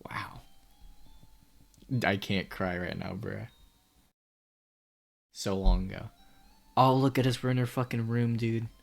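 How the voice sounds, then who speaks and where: A young man giving let's play commentary on a game, excitable, swearing a lot and laughing often. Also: fairly low pitch, takes it slowly, creaky, long pauses. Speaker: gaming YouTuber.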